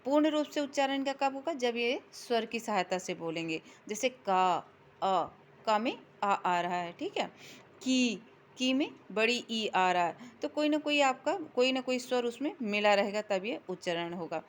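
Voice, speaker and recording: A woman teacher explains a lesson to her students in a fairly high, lively voice, with slight background noise behind her. She slows down and draws out the example words when reading letters aloud, and she asks questions only to answer them herself.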